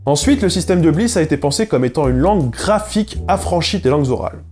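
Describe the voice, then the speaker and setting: Male educational host, rapid delivery, wry asides, warm low tone. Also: lively intonation, soft background music. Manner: brisk, with wry ironic asides. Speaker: YouTube linguistics host. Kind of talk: scripted educational narration.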